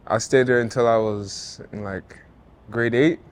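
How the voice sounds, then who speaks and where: Unhurried, with a clean, middling-pitched tone, a man in his thirties speaks as an interview guest. A former football player and artist from Jamaica raised in Toronto, he's relaxed and earnest in casual, reflective conversation, often using "you know" and "like" and restarting phrases.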